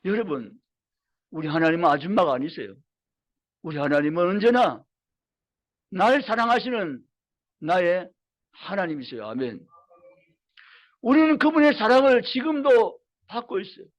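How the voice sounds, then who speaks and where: A male pastor in full sermon has a high, very animated voice that swoops up and down as he presses each point at normal speed with long pauses. He tells stories with acted-out quotes, repeats key phrases with growing emphasis, and calls out to listeners in rising, emphatic appeals.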